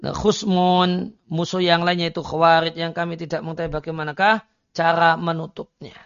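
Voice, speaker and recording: A man's voice: fairly high pitch, flat delivery, moderate pace, vocal fry, fairly bright tone, clean tone, dry recording. A man giving a religious study lecture, reading Arabic lines and explaining them, with frequent hesitation fillers. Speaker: Islamic religious teacher. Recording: dry, dull lo-fi recording.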